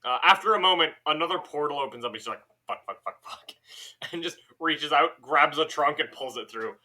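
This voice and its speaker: A man's voice: a little high, brisk. A man narrating as game master of a tabletop game, playful and profane as he describes the scene. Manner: animated, swearing, playful.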